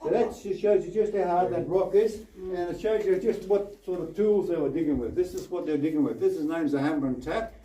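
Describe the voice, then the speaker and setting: A man's voice: high-pitched, fairly quick, few pauses, mellow. A man leading a group through an old mine tunnel, explaining steadily and giving directions, his voice echoing off the rock walls. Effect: cave echo from the rock tunnel. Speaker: mine tour guide. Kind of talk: guided tour explanation to a group. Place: inside an underground gold mine tunnel. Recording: echoey tunnel voice from some distance, faint noise.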